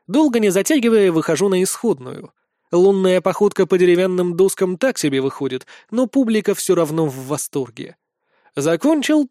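Animated high-voiced male audiobook narrator. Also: no echo, clean studio sound. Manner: lively expressive storytelling. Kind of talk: first-person fantasy audiobook narration.

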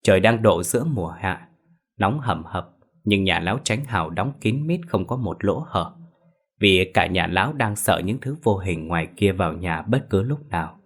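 Husky man narrating a ghost story. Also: low-pitched, moderate pace. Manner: expressive, dramatic.

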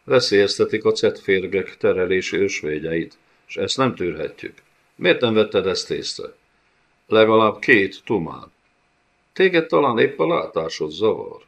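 A man's voice: lowish voice, close to an everyday voice. Man voicing a hissing cruel monster lord. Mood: menacing. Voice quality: hissing, thundering. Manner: scornful, domineering. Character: cruel clawed male monster lord, menacing. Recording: dull lo-fi audiobook recording.

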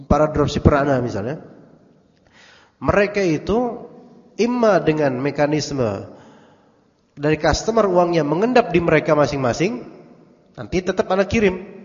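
Indonesian preacher in an echoing hall. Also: male voice, fairly high pitch, a little mellow, muffled recording. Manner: conversational, storytelling with quoted dialogue and Arabic phrases. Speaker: religious teacher. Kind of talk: Islamic study lecture.

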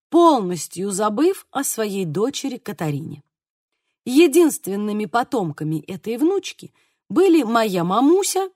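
A woman narrating an audiobook in an expressive, animated way. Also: a little high, no echo, clean studio sound.

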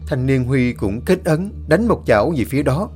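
A man's voice: mid-range voice, expressive, moderate pace, darkish tone, soft background music. A man narrating a ghost story and voicing each of the characters himself.

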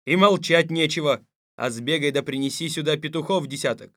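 A man playing a gruff, commanding fairy-tale tsar. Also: on the high side, fairly quick, fairly bright tone, no room sound, clean studio sound, natural voice. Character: stern weary fairy-tale tsar, middle-aged man. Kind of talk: audiobook radio play.

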